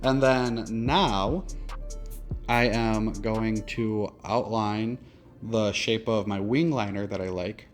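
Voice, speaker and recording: Low-voiced man with a lisp. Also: steady tone, slow pace, soft background music. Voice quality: lisp, slushy s sounds. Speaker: drag performer doing a makeup tutorial. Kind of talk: casual makeup tutorial voice-over.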